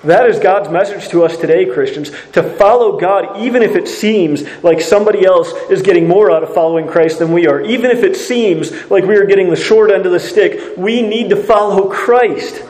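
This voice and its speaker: A man's voice: high voice, a little mellow, echoey room, low-quality recording. A man preaching a sermon, reading scripture and asking earnest rhetorical questions.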